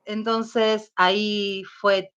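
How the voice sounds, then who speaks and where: Slow-spoken Argentine woman giving testimony. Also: medium pitch, little pitch movement, a bit bright, clean tone. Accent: Argentine Spanish. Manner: slow and hesitant, recalling painful events. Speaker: interview guest. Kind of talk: personal testimony in an interview. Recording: dull lo-fi sound.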